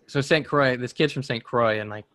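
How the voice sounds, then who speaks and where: A man's voice: mid-range voice, normal speed, a bit bright. A man in his twenties co-hosting a podcast, rambling through a story and laughing at himself. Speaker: podcast co-host. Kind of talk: casual chat.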